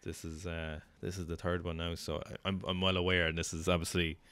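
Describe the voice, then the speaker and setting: A man's voice: low voice, little pitch movement, a little fast, a bit bright, clear, resonant tone, no room sound. A man in his twenties with an Irish accent, co-hosting a casual podcast chat and talking in a hesitant, reflective way. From Ireland. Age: 20s. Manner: hesitant, reflective, many fillers. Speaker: podcast co-host.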